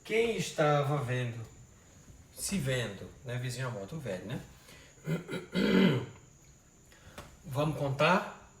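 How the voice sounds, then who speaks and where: A man's voice: medium pitch, big pitch swings, takes it slowly, vocal fry, pauses often. A male literature teacher giving an informal poetry lesson, patiently splitting verses into syllables and counting them aloud. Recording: roomy sound, mic at a distance, faint noise.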